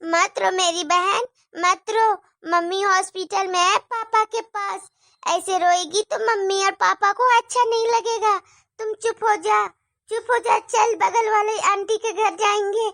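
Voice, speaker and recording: A caring older sister in a cartoon story, played by a woman, with a high, bright, girlish voice. She coaxes and comforts, close and dry to the mic. Her tone stays patient and soothing. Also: steady tone, measured pace, creaky, dry recording, exaggerated voice. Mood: comforting. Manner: coaxing, comforting.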